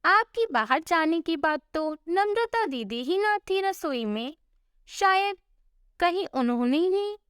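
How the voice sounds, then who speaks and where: A woman voicing a greedy, scheming young daughter-in-law in a storybook tale, speaking in a lower, sly tone. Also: expressive, slow pace, a bit bright, dry recording, studio quality, heavily acted. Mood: sly innocence.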